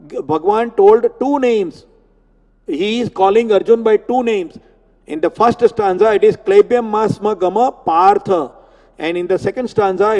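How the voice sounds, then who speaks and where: A man giving a spiritual discourse on scripture, explaining Sanskrit words slowly and repeating terms. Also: high-pitched, a little mellow. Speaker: Gita teacher. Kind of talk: religious discourse. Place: temple hall. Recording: long hall reverb.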